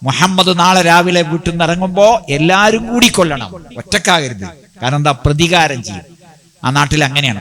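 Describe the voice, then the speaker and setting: A man's voice: fairly high pitch, fairly bright tone. Man preaching a Friday sermon. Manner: storytelling, with rhetorical questions he answers himself. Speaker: mosque preacher. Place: mosque.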